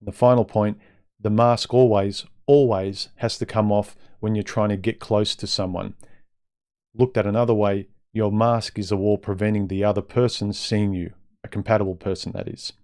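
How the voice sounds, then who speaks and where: This livestream host, a man with a fairly low and darkish voice, riffs casually on dating advice for his live chat at a moderate pace and with a flat delivery. His speech is a bit muffled and hampered, like he's talking around a mouthguard. He's blunt and chatty, addressing the audience directly and tossing out rhetorical questions.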